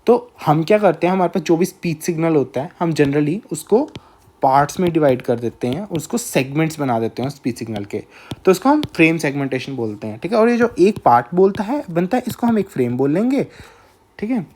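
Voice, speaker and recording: A man with an Indian accent giving a recorded lecture, speaking slowly and deliberately, often pausing to check in with listeners. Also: a little high, very animated, darkish tone. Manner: slow, measured, with frequent filler checks.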